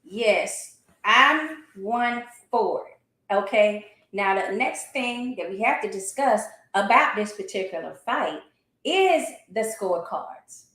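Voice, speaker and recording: A woman in an animated, casual sports discussion, speaking emphatically and colloquially with strong opinions. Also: mid-range voice, slow. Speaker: boxing talk show commentator. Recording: roomy, echoey sound.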